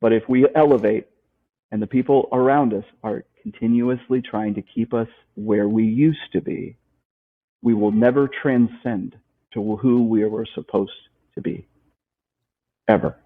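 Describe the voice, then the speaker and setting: A lowish male voice with fairly even intonation moves a little slowly through a tinny, phone-like recording. As a life coach guest being interviewed, he speaks emphatically and motivationally, repeating core points and raising rhetorical questions.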